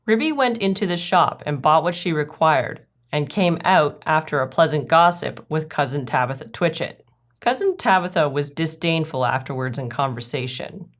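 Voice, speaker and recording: At a normal speed, a low-voiced woman reads a scripted children's story aloud as a storyteller.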